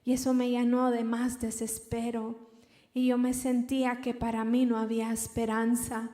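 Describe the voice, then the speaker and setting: A young woman giving an emotional personal testimony in church, halting and repeating words as she recounts. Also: fairly high pitch, completely flat delivery, mellow. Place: large church hall. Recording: reverberant church hall.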